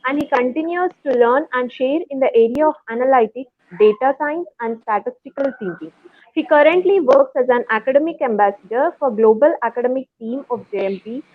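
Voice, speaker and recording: A woman's voice: on the high side, phone-quality sound. A woman host with an Indian English accent giving a formal, polite introduction of a guest speaker.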